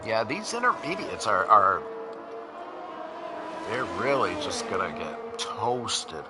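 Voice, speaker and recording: A man's voice: lowish voice, huge pitch swings, takes it slowly. A man with a New York accent commentating a sim race casually, with lots of fillers and restarts. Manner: casual, rambling, many fillers. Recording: noisy with engine sounds behind. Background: racing car engines.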